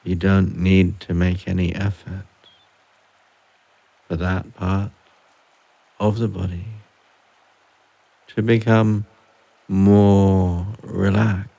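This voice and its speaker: Slow, gravelly man guiding relaxation. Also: sits low, flat delivery. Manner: soft, unhurried, long pauses between phrases. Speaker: meditation guide. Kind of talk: guided relaxation.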